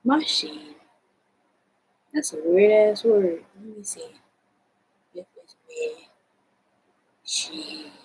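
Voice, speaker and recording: An American woman talks casually to her viewers in a husky, rough-edged voice. Her pace is slow and unhurried, at a middling pitch. She rambles in a laid-back way and swears freely. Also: lively intonation, dark tone, rough recording. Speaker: vlogger showing own artwork. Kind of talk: casual chat.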